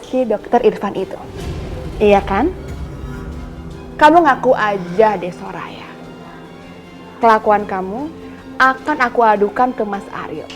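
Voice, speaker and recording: A woman's voice: mid-range voice, unhurried, long pauses, faint music behind, close to an everyday voice. An actress playing a scheming young woman who fakes a pregnancy, whiny and accusing, with fake tears. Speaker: actor in a TV soap. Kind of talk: TV soap acting.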